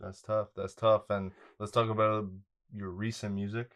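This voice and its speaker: A young male host with a low voice and a flat, level delivery keeps the chat going. He affirms his guest often, saying "yeah" and "you know" again and again. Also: normal speed. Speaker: podcast host. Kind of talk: casual interview.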